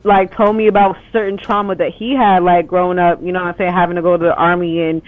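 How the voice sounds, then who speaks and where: A woman's voice: fairly low pitch, little pitch movement, fast, dry recording. Rambling woman on a tinny phone-like line. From Ethiopia. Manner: rambling, heavy on "like" and "you know", swears casually. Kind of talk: casual conversation.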